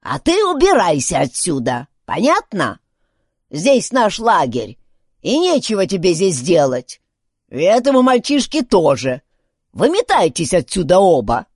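A woman doing a slow, scolding, hostile old woman. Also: mid-range voice, wildly swooping pitch, slightly rough, dry recording, studio quality, heavily acted. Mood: threatening. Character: grumpy old female camp woman, hostile.

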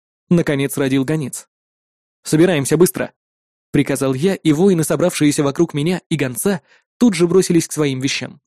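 A man narrating a first-person story in an expressive audiobook style, voicing the dialogue. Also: on the high side, brisk, no echo, studio quality.

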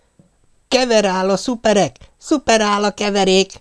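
A man voicing an excitable, bossy boy acting as fireworks master, barking drawn-out commands. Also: high voice, smooth, voice pushed up, lightly acted. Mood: shouting orders.

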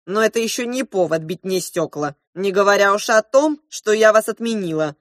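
A woman's voice: medium pitch, lively intonation, dry recording, studio quality, lightly acted. A woman reading an audiobook and voicing a brash, bossy hotel landlady who scolds and quips. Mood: scolding. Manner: bold, quick-tongued, scolding.

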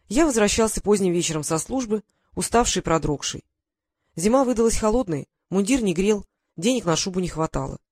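A man reading a first-person adventure story aloud in steady storytelling style with dramatic lifts. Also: sits high, dry recording, clean studio sound. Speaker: audiobook narrator. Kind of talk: scripted first-person narration.

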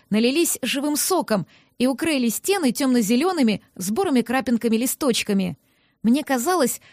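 A woman giving lively, expressive first-person narration of an audiobook. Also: sits high, no room sound, clean studio sound.

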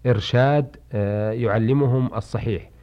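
A man hosting a radio programme, formally reading listeners' letters in a measured, classical manner. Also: medium pitch. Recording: dull lo-fi old radio recording.

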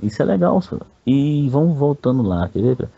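A man's voice: mid-range voice, big pitch swings, normal speed, creaky, dark tone, breathy edge, highs cut off. A Brazilian man telling a personal story in a rambling, crude way, with a lot of slang. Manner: rambling and crude, peppers speech with "velho". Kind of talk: casual storytelling.

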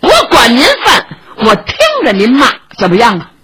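A woman doing a blunt old hero in a traditional storytelling performance, brisk and commanding with a teasing edge. His raspy voice is bright and bounces up and down. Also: a little high, animated, pitched above the performer's own voice, exaggerated voice. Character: hearty old male hero, reassuring and blunt.

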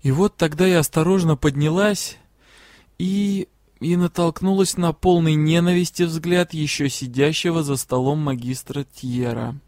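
A man reads a first-person fantasy novel aloud in a measured, quiet storytelling voice. His pitch sits a little above the usual for men. The recording is dry and close, with no room sound. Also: steady tone, no echo. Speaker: audiobook reader.

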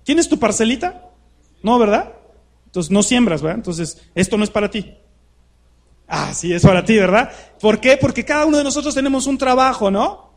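A man preaching to a live congregation, talking conversationally and peppering his sermon with rhetorical questions. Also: sits high. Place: church hall with a live congregation.

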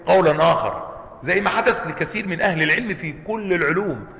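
A man with an Egyptian accent teaching a lesson on legal theory, asking his class questions and answering them himself, and slowing down to recite quoted verses. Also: high-pitched, expressive, a bit bright. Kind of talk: classroom lecture. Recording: echoey hall, slightly dull sound.

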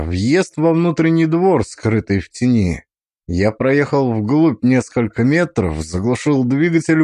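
A man narrates an audiobook in a measured, suspenseful way. His voice sits at an ordinary middle pitch. The recording is dry and close, with no room sound. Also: a little mellow, no room sound.

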